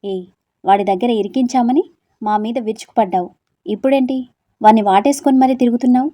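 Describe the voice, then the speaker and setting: A woman voicing teasing, scolding young women friends who nag loudly in an audio story. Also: fairly high pitch, quick pace, close to an everyday voice. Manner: loud, nagging, exasperated.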